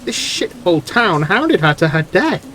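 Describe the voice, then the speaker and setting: A man's voice: sits high, sing-song, normal speed, pushed and bright, voice pushed up, full character voice. A man reading the lines of a furious, grieving young woman in a point-and-click game. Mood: angry. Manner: heated, indignant reading of game dialogue.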